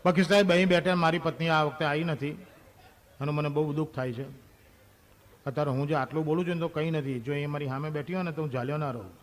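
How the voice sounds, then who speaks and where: A fast-talking man with a slightly high voice does stand-up in front of a live audience. He acts out lines from a wife and a husband as he tells lively stories, slipping in English phrases along the way.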